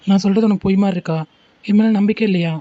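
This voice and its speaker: A woman plays a protective young cartoon boyfriend who soothes and reassures at a rapid clip. His tone is mellow and low-key. The recording is slightly muffled with faint hiss. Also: fairly even intonation, dry recording, close to an everyday voice. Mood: reassuring. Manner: soothing, reassuring, quick talking. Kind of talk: homemade animated cartoon dialogue.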